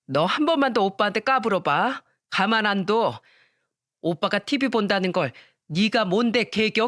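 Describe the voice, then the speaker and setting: A woman's voice: medium pitch, a bit bright, dry recording, clean studio sound. A woman voicing a harsh middle-aged mother who coldly scolds her daughter and dotes on her son. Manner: slow, scolding, threatening.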